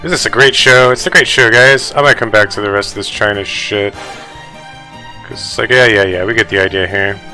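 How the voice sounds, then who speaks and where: A man's voice: fairly low pitch, fairly even intonation, pushed and bright, faint music behind, poor audio. A man giving casual, profane reaction commentary on news articles, ranting to his viewers with heavy swearing. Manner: fast, fired-up speech addressed to viewers.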